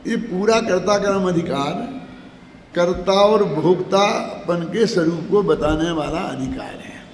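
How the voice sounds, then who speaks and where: An older man giving a scripture discourse, explaining slowly, chanting verses and asking the audience questions. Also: high-pitched. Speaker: Jain scripture lecturer. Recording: echoey hall, faint background noise.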